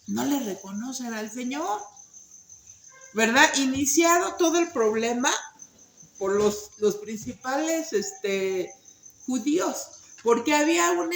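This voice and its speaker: A woman's voice: a little high, gravelly, roomy sound, a little hiss or hum, poor audio. A woman teaching an informal Bible study, talking conversationally with many fillers and tag questions.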